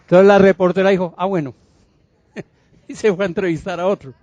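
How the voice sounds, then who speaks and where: A man's voice: sits high, flat delivery, a little fast, darkish tone, no echo, highs cut off. A man preaching a sermon as a pastor, calling for responses from his congregation and acting out the figures in the story. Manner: acts out Bible figures' voices.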